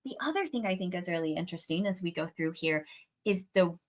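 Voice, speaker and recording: A woman's voice: on the low side, expressive, fairly quick. A young adult woman hosting a book podcast, chatting casually through a chapter recap with her own theories and the occasional swear word.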